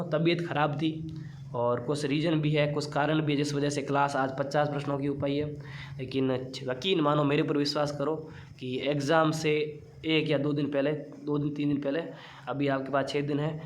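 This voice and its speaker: A young man runs an online exam-prep class, his voice sitting a bit high. He teases his students playfully, tossing out questions and then answering them himself. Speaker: teacher.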